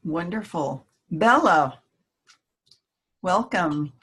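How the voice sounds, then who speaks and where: A woman hosting an online panel discussion, introducing guests in a measured way. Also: lowish voice, animated, fairly bright tone, a little hiss or hum. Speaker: panel host.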